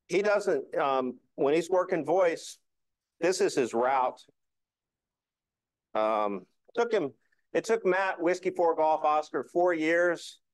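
A middle-aged man gives an informal club presentation in an indoor meeting room, explaining things conversationally. His mid-range voice is smooth, and the recording is dry.

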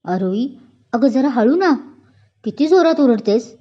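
A woman's voice: high voice, lively intonation, measured pace, dark tone, highs cut off. A woman voicing a curt male police inspector. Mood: stern. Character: stern young male police inspector, irritable.

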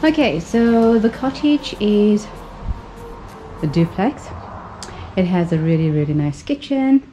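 A woman's voice: mid-range voice, animated, slow pace, warm tone. A woman from South Africa gives a chatty, enthusiastic tour of a small cottage, filming with a handheld camera. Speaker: travel vlogger. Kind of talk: casual house-tour vlog narration. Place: small wooden cottage indoors. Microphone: handheld action camera. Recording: clear background music.

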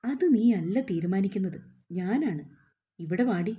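Narrator voicing domineering young husband, storybook reading, very mellow dark tone. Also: female voice, medium pitch, lively intonation, measured pace, dull audio, natural voice. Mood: stern. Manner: commanding, slurring tease. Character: young husband, teasing then drunk and domineering.

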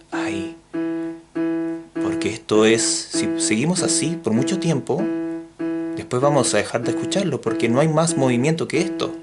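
A Chilean man teaching music theory in a playful video lesson, joking as he goes and counting beats out loud. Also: mid-range voice. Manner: jokey, animated, counts beats aloud.

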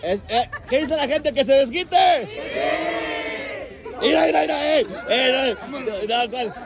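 High-voiced teasing Mexican man hosting outdoors. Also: animated, slow pace, vocal fry, very noisy. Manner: playful teasing, slangy, cheering and counting down. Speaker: host of a street challenge. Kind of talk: casual street hosting, egging people on. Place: crowded outdoor plaza by a car. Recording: loud crowd and music outdoors.

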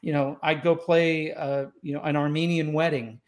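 His voice on the high side, level in tone and moderate in pace, a saxophonist in his sixties recounts stories in an easygoing, reflective way, with frequent fillers and restarts. He was born in Scotland and raised in Los Angeles, and he's a guest on a relaxed interview over video call. A boom-arm studio mic picks him up in a home room with wooden doors and shelves.

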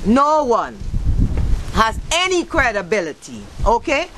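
A woman's voice: big pitch swings, unhurried, a bit bright, rough recording. A woman in her fifties from Guyana, speaking passionately in an outdoor interview, firing off rhetorical questions into a handheld mic. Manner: passionate, rhetorical questions, wide pitch swings. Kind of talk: impassioned interview talk. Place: outdoors under a thatched shelter. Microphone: handheld mic held by interviewer. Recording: outdoor recording with wind noise. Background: wind and outdoor noise.

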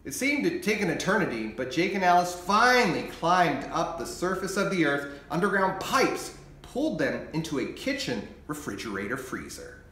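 An expressive man reading a children's story aloud, his slightly high voice swinging widely in pitch. He tells it with an animated storyteller's manner. The recording has a noticeable echoey room. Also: normal speed, few pauses, slight background noise. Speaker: meteorologist and author reading his book.

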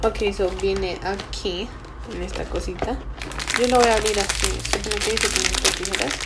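In a small indoor room, a young woman vlogger cooks at a table and talks casually, a bit uncertainly, to the camera. Her mid-range voice is fairly even in intonation and runs at normal speed, though heavy background noise surrounds it.

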